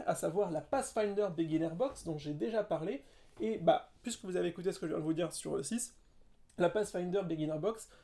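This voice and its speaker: A man with a gravelly edge to his voice talks casually on a podcast about tabletop games. He is enthusiastic and playful, tossing in quick jokes and asides. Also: high voice, darkish tone. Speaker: podcast co-host.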